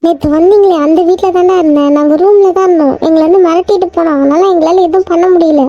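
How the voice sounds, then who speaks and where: A squeaky, very high young woman in a homemade cartoon, voiced by a woman. She pleads anxiously, words tumbling out in worry. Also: fast talker, dark tone, dry recording, muffled recording. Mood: frightened pleading. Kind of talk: amateur cartoon voice acting.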